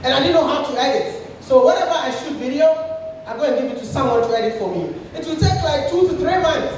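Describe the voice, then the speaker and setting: A man giving a lively motivational talk to an audience, animated, repeating himself and laughing often. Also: very high voice, quick pace, slight background noise. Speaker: speaker at a creators' session. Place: indoor event room with audience. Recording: echoey event hall, from far off.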